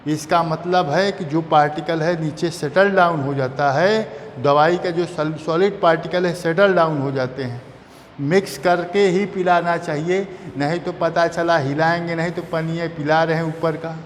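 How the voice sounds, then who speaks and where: High pitched guy teaching chemistry, repeats stuff a lot, echoey hall, bit of noise. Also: steady tone, a little slow. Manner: repetitive, asks and answers own questions. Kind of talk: classroom lecture. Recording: long reverb, faint background noise.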